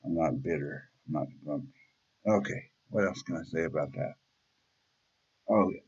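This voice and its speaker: A man's voice: a bass voice, normal speed, a little mellow, breathy edge, muffled recording. A man in his fifties hosting a reaction channel, talking bluntly and rambling in a casual monologue, swearing freely. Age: 50s. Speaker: YouTube reaction channel host.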